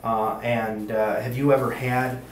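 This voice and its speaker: A male state police investigator running a formal interrogation, halting with many uhs and ums, heard on an interrogation-room tape recording. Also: mid-range voice, flat delivery. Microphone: fixed room camera mic. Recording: roomy, distant, faint hiss.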